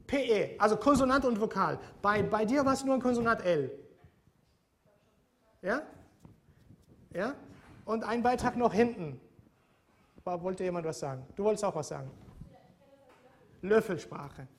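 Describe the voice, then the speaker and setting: A man's voice: high-pitched, a little slow, long pauses. A man teaching a university seminar, explaining step by step and often checking in with the class. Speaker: university lecturer. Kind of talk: seminar lecture.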